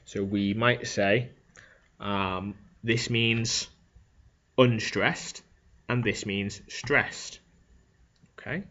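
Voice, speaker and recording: A man's voice: on the low side, fairly even intonation, extremely slow, pauses often, fairly bright tone. A male teacher, explaining a lesson step by step and often checking in with "okay?". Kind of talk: classroom lecture on Shakespeare. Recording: dull lo-fi recording.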